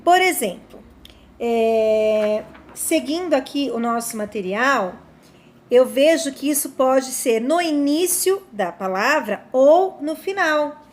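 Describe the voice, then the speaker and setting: High-voiced Brazilian teacher talking to children. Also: female voice, expressive, slight background noise. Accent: Brazilian Portuguese. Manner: warm, slow, emphatic, often asks "né?" and "tá?". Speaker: primary school teacher. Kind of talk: remote lesson for children.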